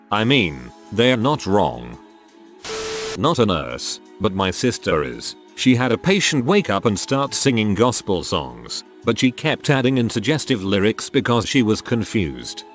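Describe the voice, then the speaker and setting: A man reading out humorous short anecdotes as scripted narration. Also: lowish voice.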